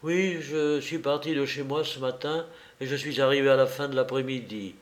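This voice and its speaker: A man's voice: medium pitch, fairly even intonation, moderate pace, close to an everyday voice. A man doing a nervous young woman. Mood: reserved. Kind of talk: audiobook reading.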